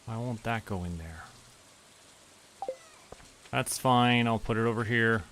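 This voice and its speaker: Over a noisy background, a man from Canada talks to himself while streaming a farming game, keeping it casual. He speaks slowly in a mid-range voice.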